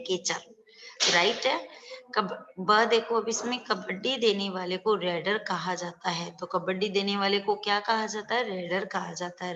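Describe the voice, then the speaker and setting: Woman teacher explaining slowly, in a reverberant room. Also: mid-range voice, fairly bright tone. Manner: explains word meanings slowly, with repeated questions. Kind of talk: online class lesson. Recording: dull audio with long reverb.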